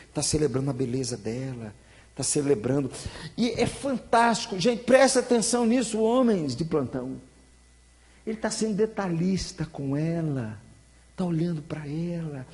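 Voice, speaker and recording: A man's voice: a little high, a little mellow, in a large hall. A man with a Brazilian Portuguese accent, a pastor leading a Bible study in a chatty, joking way, teasing listeners by name. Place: church hall.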